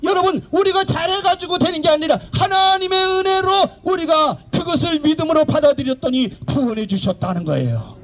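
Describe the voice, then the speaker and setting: A man's voice: extremely high pitch, a little fast, few pauses. A man preaching an outdoor evangelistic sermon, emphatic, with many rhetorical questions. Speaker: pastor, street evangelist. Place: outdoor public park.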